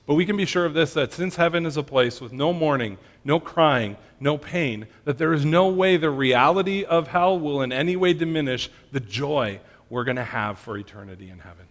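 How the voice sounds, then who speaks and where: A man's voice: a little high, animated, moderate pace, few pauses. A man giving an earnest sermon that answers questions, often checking in with his listeners. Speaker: pastor. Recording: long hall reverb.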